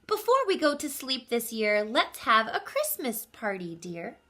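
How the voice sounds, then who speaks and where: A woman voicing a drowsy, gentle mother bear in a storybook, unhurried and yawny. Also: on the high side, huge pitch swings, exaggerated voice.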